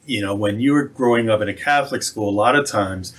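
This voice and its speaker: Unhurried reverend giving a sermon. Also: male voice, fairly low pitch, a bit bright. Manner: conversational, slows for emphasis.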